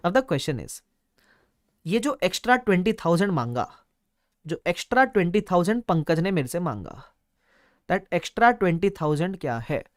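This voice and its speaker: A man's voice: high voice, very animated, unhurried, no echo, studio quality. Playful male exam teacher. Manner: playful storytelling, mixes Hindi and English. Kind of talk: online exam lecture.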